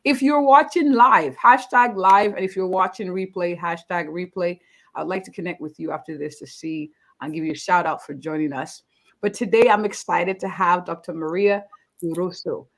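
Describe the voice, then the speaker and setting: A woman who works as a family physician hosts a live-streamed interview, speaking in a lowish voice at a moderate pace. She's upbeat and effusive, often repeating words of praise.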